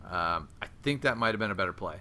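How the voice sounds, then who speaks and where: A man hosting an online card game show, commenting casually on matches and interviewing the winner, chatty and quick to laugh. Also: deep voice, a little hiss or hum. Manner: chatty, laughs often, animated outbursts. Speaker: host and commentator.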